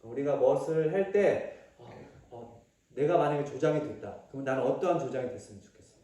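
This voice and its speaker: A male pastor giving a family sermon, coaxing children with questions and sometimes acting out a shouting father. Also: medium pitch, a little fast. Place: church hall. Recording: very echoey hall from far off.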